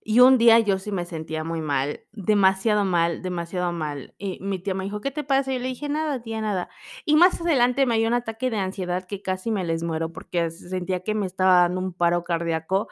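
A woman's voice: mid-range voice, fairly quick, hardly any pauses, clean tone. A young woman talking casually and personally, telling stories and acting out what others said. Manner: chatty, storytelling, expressive quoted voices.

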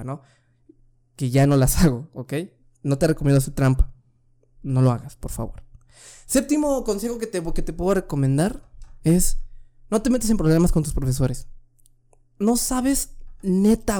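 A young Mexican man tells a school story from his room at home. He talks in loose, slang-heavy bursts and keeps restarting his sentences. His voice is mellow and soft-edged. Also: on the high side. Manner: slangy, says "güey" constantly, many restarts. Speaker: vlogger giving school advice. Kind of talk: casual storytelling. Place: room at home, family downstairs.

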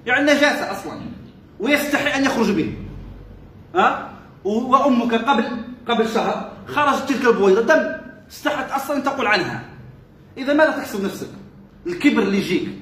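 Fast, high-voiced sheikh in an echoey room. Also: male voice, fairly bright tone. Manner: keeps asking the audience rhetorical questions and repeating phrases. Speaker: sheikh teaching a religious text. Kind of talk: religious lesson with colloquial asides. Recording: roomy echo with faint background noise.

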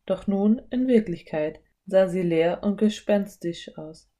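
A woman reads a children's chapter book aloud with clear, even storytelling. Her pitch sits mid-range for a woman. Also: slow pace. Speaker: audiobook narrator. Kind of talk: children's audiobook narration.

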